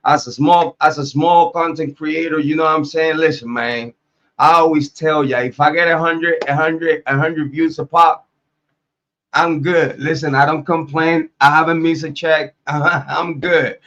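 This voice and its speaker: Still recovering from an illness, this Ohio man, a YouTube true crime host, chats loosely on a casual livestream, laughing a lot and repeating himself. His voice is fairly high, bright and steady, a little slow, and the recording is muffled.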